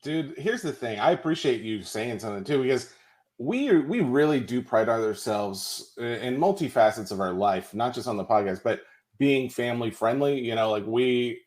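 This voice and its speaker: A man from Tennessee speaks as a podcast guest, telling a long story in a relaxed, rambling way. His voice is at a middle male pitch. He fills his talk with little asides. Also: moderate pace. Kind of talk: casual interview chat.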